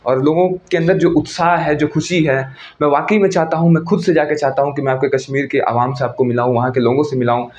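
A man's voice: a little high, a little mellow. A man hosting an informal explainer lecture in a chatty, teasing way. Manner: chatty, teasing, with frequent "ठीक है" tags. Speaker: educational channel host. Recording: roomy, dull lo-fi recording.

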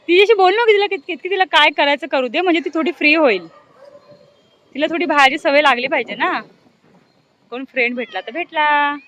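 A woman's voice: high-pitched, fairly bright tone, muffled recording, slight background noise. A middle-aged woman vlogging casually outdoors on an open ground, chatty and doting as she coos at her pet cat. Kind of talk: casual vlog chat.

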